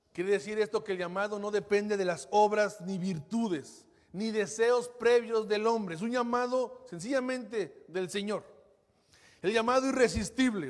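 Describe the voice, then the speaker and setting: A male pastor delivers a fervent sermon in a high, bright voice. His delivery swells to bold peaks and then sinks to near-whispers. The long reverb of a large hall trails behind every phrase.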